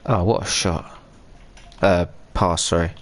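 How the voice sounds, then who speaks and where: A man's voice: sits low, steady tone, a little slow. A man chatting loosely through live gameplay as a streamer, rambling and breaking off mid-sentence. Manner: rambling, chatty, self-interrupting. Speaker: gaming streamer.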